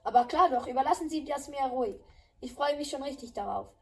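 A woman voicing a bubbly, eager schoolgirl in a game dub, talking excitedly. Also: sits high, fast, recorded from a distance, faint music behind. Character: cheerful eager schoolgirl champion. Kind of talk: dubbing game dialogue.

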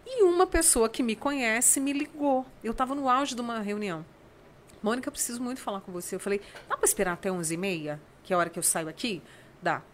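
A woman's voice: on the high side, brisk, slight background noise. A woman, a writer and radio chronicler, telling stories in a casual interview and acting out the dialogue in them. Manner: warm storytelling, acts out dialogue.

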